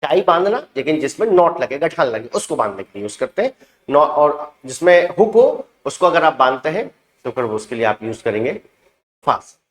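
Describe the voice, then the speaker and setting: A man with a high-pitched voice takes learners through English verb forms in a steady drill. He says each word slowly and carefully and repeats it twice. The sound carries an echo from the room. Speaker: English teacher. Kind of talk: spoken vocabulary drill.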